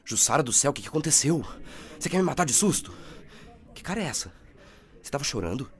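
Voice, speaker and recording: A woman's voice: deep voice, very animated, fast. A woman voicing a nervous, jobless young man in an amateur radio drama, stammering and hesitant. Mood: worried.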